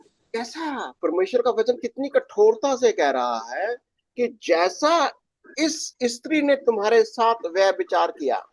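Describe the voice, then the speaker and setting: High-voiced man teaching a Bible study. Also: very animated, takes it slowly, no echo. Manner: mixes in English words, repeats and restarts phrases.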